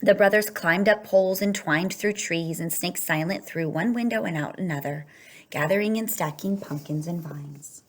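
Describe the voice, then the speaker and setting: A lower-voiced woman reads a children's picture book aloud, giving an expressive performance with long, drawn-out emphasis on words.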